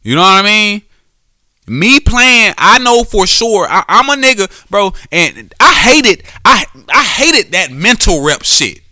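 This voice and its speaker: Animated, high-pitched man ranting casually. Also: unhurried, no room sound, studio quality. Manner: animated, profane, frequent restarts and self-corrections. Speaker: podcast host; former quarterback. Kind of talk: casual solo podcast monologue.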